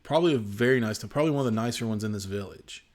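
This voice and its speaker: A man narrating as game master of a tabletop role-playing game, descriptive and unhurried, with frequent fillers. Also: lowish voice.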